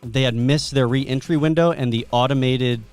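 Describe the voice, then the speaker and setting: A man's voice: mid-range voice, normal speed, smooth, faint music behind. Storytelling man on a podcast. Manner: animated storyteller, reads out facts. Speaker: podcast co-host. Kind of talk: casual podcast chat.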